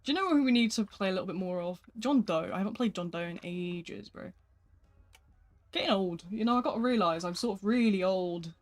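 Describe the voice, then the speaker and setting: During a live stream, a gaming streamer casually chats and answers viewer messages in a flat voice. The voice is mid-range and a little fast.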